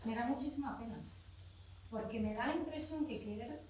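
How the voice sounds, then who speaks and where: Picked up from far off in an echoey room with slight hiss or hum, a woman from Spain in her forties speaks up passionately and off the cuff from the crowd at a public event. She's frank and blunt, curses casually and keeps restarting her sentences. Her voice is a little high and slightly mellow, at a moderate pace.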